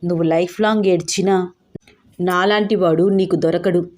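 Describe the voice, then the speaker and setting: Woman doing a sly pushy young guy in a story, warm mellow voice. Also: on the low side, fairly even intonation, normal speed, natural voice.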